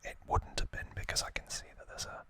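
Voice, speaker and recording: This male ASMR video host whispers softly and breathily through an unboxing, in a slow, reflective way.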